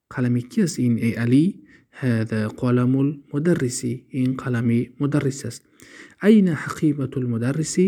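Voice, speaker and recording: A man with a Tajik accent teaches a grammar lesson in a warm, dark voice. He reads each phrase slowly and then translates it. He keeps stopping to quiz the listener. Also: mid-range voice.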